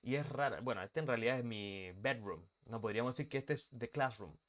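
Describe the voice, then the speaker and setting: A man's voice: mid-range voice, a little fast, a bit bright. Casual man teaching online from home. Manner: casual, greets students by name, switches into English phrases. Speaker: English teacher. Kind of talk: online class taught live. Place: bedroom used as an office. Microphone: computer mic on a video call.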